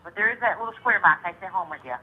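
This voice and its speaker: A woman speaks from jail over a prison phone line, her voice pushed through a thin, tinny connection. She talks quickly and loosely, trailing off, with a husky, breathy edge. It sounds like a casual call squeezed into the minutes she has. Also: mid-range voice. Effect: heard over a prison phone line. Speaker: jail inmate calling in.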